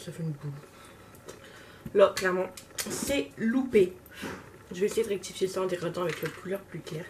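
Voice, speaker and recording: Woman beauty vlogger, self-mocking and relaxed, casual tutorial talk; distant mic, noisy room. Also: lowish voice. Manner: chatty, self-mocking, talks while working. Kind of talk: casual makeup tutorial chat. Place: home, at a makeup table.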